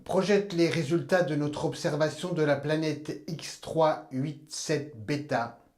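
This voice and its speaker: A man playing an aloof alien emperor who lectures humans in a formal, measured, detached way in a science-fiction drama. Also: on the high side, fairly even intonation, natural voice. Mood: solemn, lecturing. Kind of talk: scripted science-fiction monologue. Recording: loud background noise and ambience.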